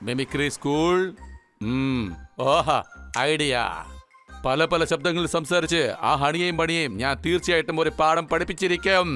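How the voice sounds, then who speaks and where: A man's voice: on the high side, fairly even intonation, unhurried, fairly bright tone, soft background music. An actor voicing a smug, scheming male trickster in a cartoon, who chuckles as he plots. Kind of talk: cartoon voice acting.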